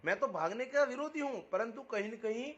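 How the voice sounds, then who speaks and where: A community activist from Rajasthan, India, argues on a phone call, explaining insistently and repeating his phrases in a Rajasthani accent. His voice is very high-pitched, animated and fairly bright, at a moderate pace. The call recording is muffled and lo-fi.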